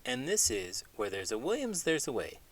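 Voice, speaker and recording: Huge pitch swings mark this middle-aged man's medium, slightly bright voice as he hosts a children's read-aloud at normal speed. He reads stories and does scripted puppet banter with dramatic, playful expressiveness, and there's no room sound.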